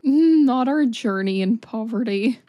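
A woman's voice: fairly high pitch, lively intonation, takes it slowly, no room sound, dull audio. A woman hosting an anime reaction video, gushing, exclaiming and swearing casually as she watches.

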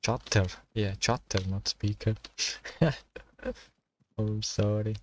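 A man streaming a survival game, talking to himself and his chat in halting, while he plays. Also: fairly low pitch, little pitch movement, darkish tone. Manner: halting non-native English, thinking aloud while playing. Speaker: gaming streamer. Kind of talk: casual gameplay commentary.

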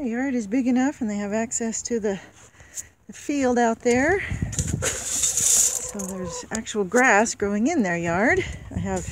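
A woman keeping backyard chickens, chatting casually and unhurriedly as she walks the yard and talks to her hens. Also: mid-range voice. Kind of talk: casual walk-along narration. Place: outdoor yard and chicken pens. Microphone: handheld camera. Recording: noisy outdoor camera audio.

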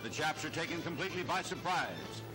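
A man narrating an old wartime newsreel in an excited, punchy announcer style. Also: a little high, a little fast, rough recording. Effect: old newsreel soundtrack. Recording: narration over loud wartime music.

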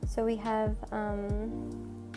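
A woman with a mid-range voice draws out her words in a completely flat delivery, and she has a slight cold. She's a photocard collector and channel host narrating a casual, chatty, enthusiastic voice-over of her collection. The recording was made separately from the pictured room and has music playing underneath.

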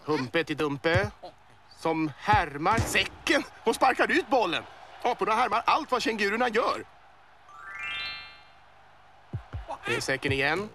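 A man voicing an excitable male boa snake who commentates a cartoon sports match, working up to yells at the goals. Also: high voice, slight background noise, heavily acted. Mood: amused. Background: music.

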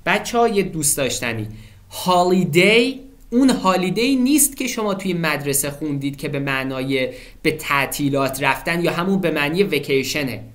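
A man in his twenties tutoring for an English exam in an animated way. He often checks in with students and slows down to spell out English phrases. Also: fairly high pitch. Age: 20s. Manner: animated, keeps checking in with "okay?" and addresses students as kids. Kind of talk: exam-prep lesson walkthrough.

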